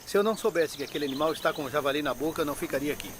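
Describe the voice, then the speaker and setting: A man's voice: on the high side, rapid-fire, lightly acted. An actor voicing a crocodilian researcher, a man speaking in a dubbed nature documentary. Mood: impressed. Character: male crocodilian researcher, cautious and impressed. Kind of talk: dubbed nature documentary interview and field commentary. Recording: noisy, outdoor ambience behind.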